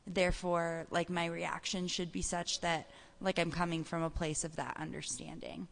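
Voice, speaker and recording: A woman's voice: on the low side, flat delivery, moderate pace, vocal fry. A young woman talking casually and earnestly, with many hesitations and fillers. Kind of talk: casual conversation. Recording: long hall reverb.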